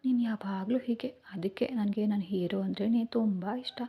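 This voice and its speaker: A woman voicing a pouty, dramatic young woman who runs her own office, speaking softly and half in a whisper. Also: medium pitch, flat delivery, unhurried, lo-fi sound. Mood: sulky. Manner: whiny, sulky, soft-spoken. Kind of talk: storybook reading.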